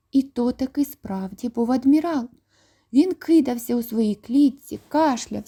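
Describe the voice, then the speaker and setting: A woman narrating a children's audiobook in a calm, expressive reading voice. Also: sits high.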